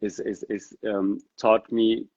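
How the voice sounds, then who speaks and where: He takes his time, speaking in a flat voice on the low side while earnestly and reflectively thinking out loud. The man, from the Netherlands with Dari as a first language, is a guest in a casual podcast interview. It's a dry recording with dull, lo-fi audio.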